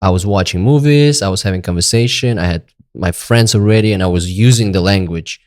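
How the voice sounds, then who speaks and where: Hosting a podcast, a man with a low, slightly mellow voice talks briskly. He chats casually with his guest and asks questions in an upbeat, friendly way.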